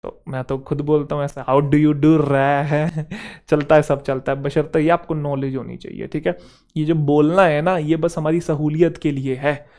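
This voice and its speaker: A young man from Haryana with a Haryanvi touch in his speech, teaching an exam-prep vocabulary lesson in Hindi and reading English example sentences slowly and deliberately. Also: a little high, fairly even intonation, a little mellow. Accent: Haryanvi-tinged Hindi and English. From Haryana, India.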